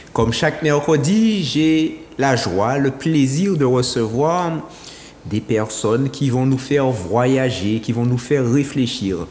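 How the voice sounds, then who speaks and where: A man's voice: medium pitch, darkish tone. A man hosting a studio book show, presenting in a formal, welcoming way. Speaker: TV show host. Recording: roomy studio with long reverb and faint noise.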